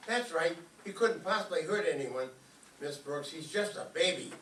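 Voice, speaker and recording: Cheerfully playing an eager, naive teenage schoolboy, a man gushes folksy slang in an old-time radio comedy before a live audience. His voice is a little high, animated, and a bit bright at a moderate pace. The recording sounds roomy and distant, with faint background noise.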